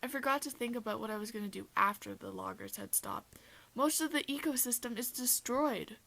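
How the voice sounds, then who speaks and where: A woman's voice: on the high side, a little fast, creaky, full character voice. Caramel, a chatty caribou-camel-fish, as a woman plays her. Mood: earnest. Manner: chatty, excitable, talks straight to the listener. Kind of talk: first-person storybook narration.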